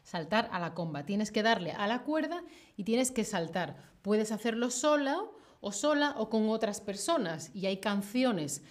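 A young woman teaching Spanish on a livestream, speaking slowly and clearly and playfully acting out examples. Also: medium pitch, lively intonation. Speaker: Spanish teacher streaming live. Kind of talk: livestream language lesson.

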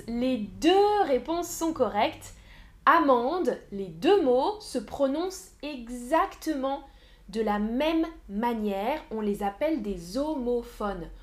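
A woman teaching French on a live stream, speaking slowly and clearly, repeating words and answering viewers in the chat. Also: high voice. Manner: slow, clear teacherly delivery with repetitions. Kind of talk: live-stream language lesson.

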